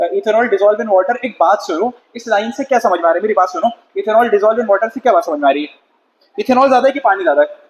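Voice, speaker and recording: A man teaching a chemistry class in a chatty lecture style, questioning and scolding his students. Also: high voice. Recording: dull lo-fi sound with faint noise.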